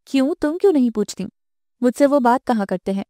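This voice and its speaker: A woman's voice: high voice, expressive, dark tone, dry recording, studio quality. A woman reading a novel aloud, voicing an anxious, scolding older mother in a raised voice. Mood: sharp. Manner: fussing, coaxing. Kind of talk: audiobook character voice.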